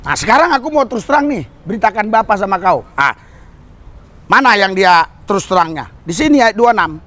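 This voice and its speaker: Male street preacher, high voice, exhorting, fond of calling for hallelujahs. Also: sing-song, a little fast, pushed and bright. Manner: exhorting, calls for amen and hallelujah, addresses the crowd as "saudara". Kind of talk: sermon. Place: outdoor service under a bridge.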